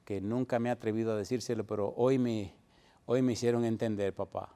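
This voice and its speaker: A male preacher quoting a grown daughter who hesitantly confesses to her father in a soft, earnest voice. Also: lowish voice, steady tone, fairly quick, pitched below the performer's own voice, lightly acted.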